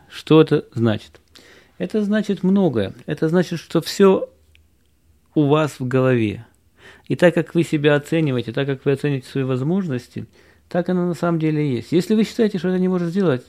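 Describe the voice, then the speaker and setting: A man's voice: medium pitch, darkish tone. A man from Russia, an author and programmer, talking casually to viewers in a rambling, explanatory way and demonstrating English pronunciation.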